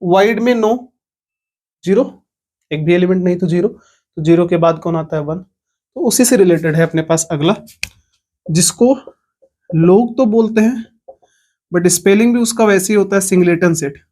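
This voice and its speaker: High-voiced man teaching a maths lesson. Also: normal speed, long pauses, mellow. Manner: explains step by step, asks the class questions. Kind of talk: online lecture.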